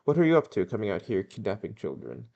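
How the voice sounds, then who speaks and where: A man reading aloud and voicing a gruff old male country squire with a curt rural drawl. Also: on the low side, wildly swooping pitch, fast, mellow, highs cut off, exaggerated voice.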